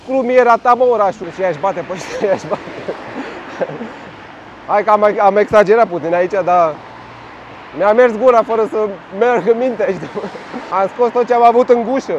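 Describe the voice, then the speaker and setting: A man giving casual running commentary from his bike on city streets, loud and blunt, swearing freely at other road users. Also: high voice, highs cut off, slight background noise. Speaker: cycling vlogger. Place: outdoors on city streets in traffic.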